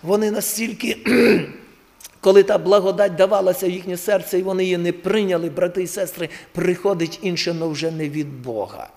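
A man with a very high voice preaches in a church hall, and long reverb trails after every phrase. He swings from hushed, pleading stretches to loud, fervent exhortation. The congregation is addressed directly and often. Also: brisk, creaky. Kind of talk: sermon.

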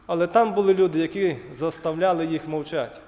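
High-voiced preacher man in reverberant hall. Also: quick pace, darkish tone. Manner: addresses congregation as brothers and sisters. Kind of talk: sermon. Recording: long hall reverb, church.

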